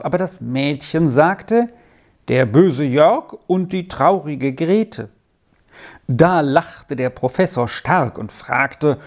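A woman's voice: extremely low pitch, darkish tone, exaggerated voice. Woman playing an earnest young schoolboy. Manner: earnest explaining.

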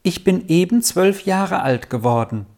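A reader voicing a kind, gentle twelve-year-old girl in a storybook reading, speaking in a lifted, friendly tone. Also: mid-range voice, animated, a little slow, voice pushed up.

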